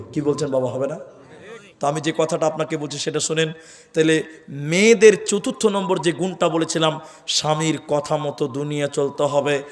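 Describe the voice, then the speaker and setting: A man with an Assamese Bengali accent preaching a sermon at a religious gathering, chanting verses in a sing-song melody and speaking through a stage microphone. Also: on the high side. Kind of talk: sung and spoken Islamic sermon. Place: large outdoor or hall religious gathering. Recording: echoey hall with reverb, music behind.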